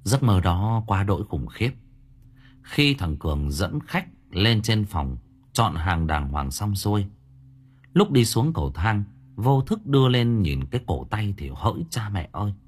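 A man narrates a horror story with vivid, dramatic storytelling. His voice is husky and lowish, with lively swings of pitch. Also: a little slow.

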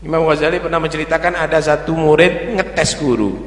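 A man preaching a religious sermon, lively with humorous asides in local dialect. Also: fairly high pitch, a little fast. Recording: echoey hall with long reverb.

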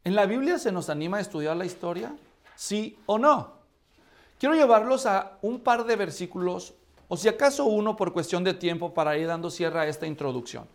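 A man's voice: sits high, animated, moderate pace. A man teaching a church history class, asking his students questions and checking in with them often. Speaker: Bible teacher.

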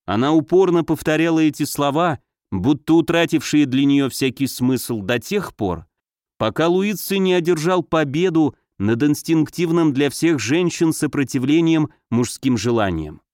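A man narrating a novel in a measured, steady reading. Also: a little high, dry recording, clean studio sound. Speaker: audiobook narrator.

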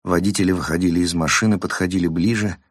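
Guy reading a thriller audiobook, really low voice, steady, dry close mic. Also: fast talker, no echo. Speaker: audiobook narrator. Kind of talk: scripted audiobook narration.

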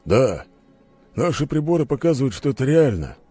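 A loyal, businesslike security chief who reports briskly and with confidence, as a male narrator puts him on. The voice sits well above the reader's low natural range and comes out a little husky. Faint music runs behind. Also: sing-song, dark tone. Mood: matter-of-fact. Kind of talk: audiobook character voice.

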